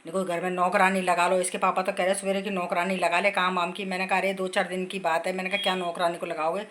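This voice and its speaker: A woman's voice: lowish voice, little pitch movement, quick pace, fairly bright tone, slight background noise. A middle-aged woman vlogging casually from her home kitchen while unwell, chatting at length and retelling conversations with family.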